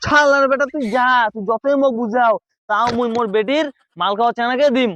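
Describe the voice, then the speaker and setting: Ageing town drunk, played by a man, hot-tempered and loud, North Bengal accent, very high pitch, rapid comic delivery. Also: muffled recording, slight background noise. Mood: angry. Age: older. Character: stubborn, hot-tempered, ageing village drunk father-in-law. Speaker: comic actor. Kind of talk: village comedy skit acting.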